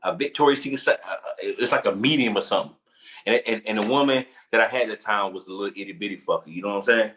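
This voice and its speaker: Animated man telling a story. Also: lowish voice, racing, poor audio. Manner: animated, repeats phrases, laughs while telling. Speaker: podcast co-host. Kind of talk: casual storytelling chat.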